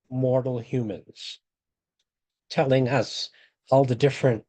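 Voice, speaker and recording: A man presenting a webinar, reading scripture passages aloud in a measured, deliberate way and explaining them. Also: mid-range voice, darkish tone, rough recording. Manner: measured, reads quotations slowly and deliberately.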